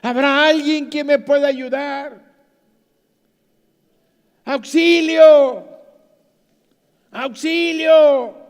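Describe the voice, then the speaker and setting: A male preacher acting a frightened man clinging to a branch and shouting for help in a sermon story. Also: very high voice, fairly even intonation, extremely slow, creaky, pauses often, in a large hall, voice pushed up, exaggerated voice. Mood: desperate.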